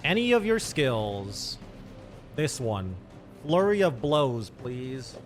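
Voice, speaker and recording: A man's voice: medium pitch, sing-song, slow pace. A man streaming a game, thinking aloud and muttering asides in casual commentary, with faint music behind.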